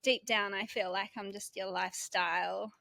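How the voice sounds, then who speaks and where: A woman, a guest on a casual podcast, friendly and quick to laugh. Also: medium pitch, fairly even intonation, gravelly, bright, forceful tone, dry recording. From born in Tonga, raised in New Zealand.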